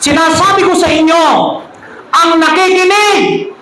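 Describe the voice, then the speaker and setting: A woman's voice: very high voice, fairly even intonation, unhurried, a bit bright. A woman pastor giving a sermon to a congregation. She tells jokes, laughs along, and speaks directly to her listeners. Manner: humorous preaching with jokes and laughter. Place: church hall. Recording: echoey hall with faint ambience.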